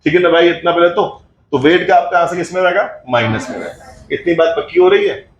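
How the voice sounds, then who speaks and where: A man's voice: sits high, fairly quick, highs cut off. A man teaching a physics class, asking his students questions and answering them himself, mixing in English terms. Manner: mixes Hindi with English terms. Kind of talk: classroom lecture. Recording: echoey room with faint background noise.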